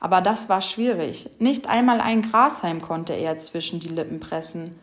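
A woman reading a children's story aloud with lively, expressive storytelling. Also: on the low side, moderate pace. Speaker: storybook reader.

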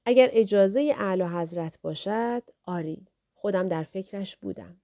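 A woman's voice: medium pitch, dark tone, lightly acted. Audiobook part: a humble, respectful royal daughter, read by a woman, polite court speech. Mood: deferential.

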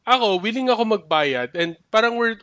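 Bright, high-voiced young man. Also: animated, normal speed, no echo, dull audio. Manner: thinks aloud, restarts and hedges. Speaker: podcast co-host. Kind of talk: casual chat mixing Tagalog and English.

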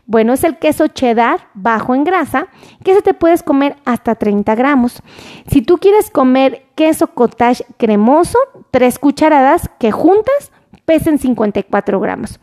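A woman talks to her viewers on a live stream, running down a list of portions and pausing to greet commenters by name. Her voice sits high, and she keeps coming back to ask people to share. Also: lively intonation, a little mellow. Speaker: nutrition livestream host.

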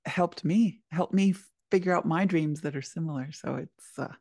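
A woman's voice: sits low, moderate pace, darkish tone, no room sound, studio quality. A woman, the producer of the podcast, steering the conversation in an upbeat, leisurely way.

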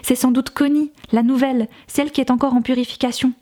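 A woman's voice: high voice, flat delivery, quick pace, warm tone, lightly acted. A woman reading aloud voices a zealous young girl in a cult who talks in a sweetly earnest, devoted way.

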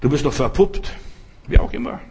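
A man's voice: normal speed, a little mellow. A man preaching a sermon, speaking emphatically and turning directly to his listeners.

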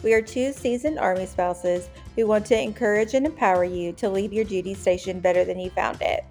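A woman's voice: medium pitch, fairly quick, a little mellow, soft background music. A woman hosting a podcast, reading a welcoming, upbeat introduction. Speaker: podcast host.

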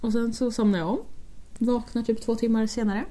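Young woman telling a story, mellow. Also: on the high side. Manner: animated, quotes herself and friends with "jag bara". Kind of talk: casual storytelling.

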